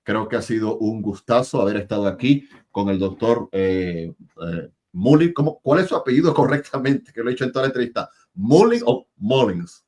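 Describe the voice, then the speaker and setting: A man hosts an interview over a video call in a fairly low voice. He is chatty and laughs easily, often stumbling and repeating words as he talks. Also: lively intonation, brisk, a little mellow. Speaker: interview host. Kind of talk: casual interview and enthusiastic sign-off.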